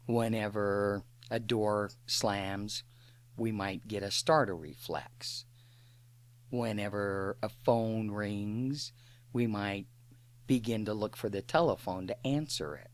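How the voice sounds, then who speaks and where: A woman presenting a guided imagery program, teaching slowly and deliberately with long pauses. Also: rumbling low, no room sound. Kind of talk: slow, calm teaching.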